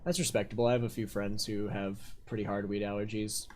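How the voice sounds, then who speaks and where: A man's voice: lowish voice, little pitch movement, a little fast, a little mellow, a little hiss or hum. A man chats loosely while he plays a video game on stream. He rambles, jokes and swears freely into a desk mic at home. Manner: profane, joking, rambling. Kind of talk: casual game stream commentary.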